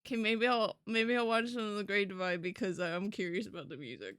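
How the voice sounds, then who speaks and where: A woman streamer chatting casually with her viewers while she draws, excitable, swearing often and laughing a lot. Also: mid-range voice, a little fast, smooth, dry recording, studio quality. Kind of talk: casual livestream chat while drawing.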